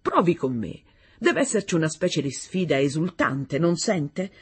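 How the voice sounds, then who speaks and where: A woman voicing a gallant male singing teacher who coaxes his pupils with fervour, her voice breathy. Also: sits low, big pitch swings, normal speed, heavily acted. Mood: coaxing. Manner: fervent, coaxing.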